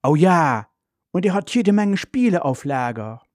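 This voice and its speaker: A man voicing an excitable young girl who exclaims shrilly. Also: a little high, measured pace, no room sound, clean studio sound, pitched above the performer's own voice. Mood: excited.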